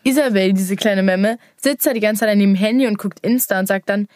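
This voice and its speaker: A woman's voice: mid-range voice, fairly quick, darkish tone, no echo. Teen girl, podcast co-host, casual giggly storyteller, dry sound. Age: teens. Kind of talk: casual chat.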